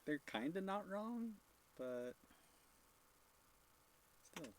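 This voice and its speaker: A man's voice: high voice, sing-song, drawn-out words, slight background noise. A man chatting as a guest on a casual live stream, easygoing, mostly giving short, agreeable replies.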